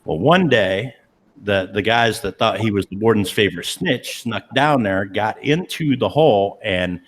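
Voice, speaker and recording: A man with a low voice and a drawl tells a spooky story at an easy pace. He is laid-back and loose, and fills his sentences with "you know" and "like". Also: measured pace, fairly bright tone. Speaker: paranormal investigator. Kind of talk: casual storytelling.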